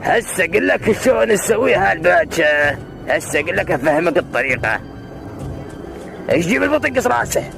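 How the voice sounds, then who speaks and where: A man's voice: high voice, sing-song, fast, creaky, fairly bright tone, heavily acted, low-quality recording. A man playing a bossy, folksy village man with an Iraqi Arabic accent in a comic dialect skit. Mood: instructive. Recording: music behind the voice.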